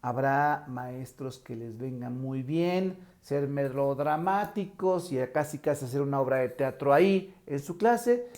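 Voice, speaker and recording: Mexican guy w a tenor voice, slow and mellow, teaching and showing off voice examples. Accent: Mexican Spanish. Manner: demonstrative, shifts pitch to show examples. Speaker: teacher trainer. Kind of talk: online teaching lesson.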